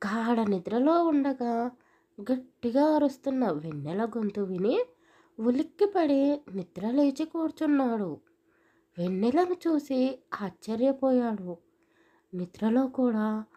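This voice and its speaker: A woman narrating an audio story in a calm, steady storytelling manner. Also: on the high side.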